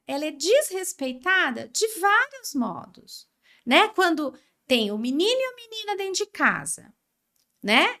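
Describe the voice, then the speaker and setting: A Brazilian woman speaking as a podcast guest, explaining in an animated way and acting out what parents and children say. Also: very high-pitched. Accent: Brazilian Portuguese. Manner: animated, acts out quoted parents and kids. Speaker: guest expert on emotional education. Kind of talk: conversational podcast interview.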